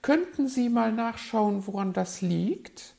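A man voicing a vain, fussy female magpie in a children's audio story, shrill and easily offended. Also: expressive, takes it slowly, creaky, warm tone, heavily acted. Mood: prim, pushy. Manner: shrill, indignant, pleading.

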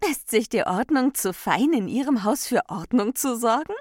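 A woman voicing a carefree female personification of Freedom in a storybook, speaking loudly and tauntingly. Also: medium pitch, lively intonation, normal speed, no room sound, clean studio sound, lightly acted. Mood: mocking. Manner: taunting, loud.

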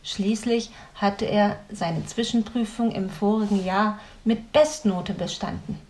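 A woman reading a story aloud in a calm, measured way. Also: medium pitch. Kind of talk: scripted story narration.

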